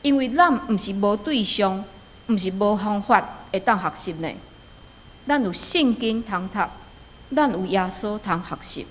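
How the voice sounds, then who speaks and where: A woman's voice: mid-range voice, animated, measured pace, a little hiss or hum. A woman with a Taiwanese accent preaching a sermon, telling stories and urging listeners with rhetorical questions. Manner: storytelling, exhorting with rhetorical questions. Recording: long hall reverb.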